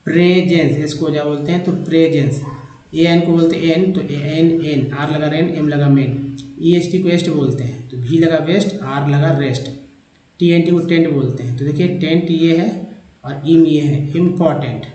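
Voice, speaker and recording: A man teaching English pronunciation in Hindi, slowly repeating syllables and word parts over and over. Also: on the high side, dark tone, roomy sound, low-quality recording. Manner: slow, repetitive drilling of sounds. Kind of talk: explaining English spelling in Hindi.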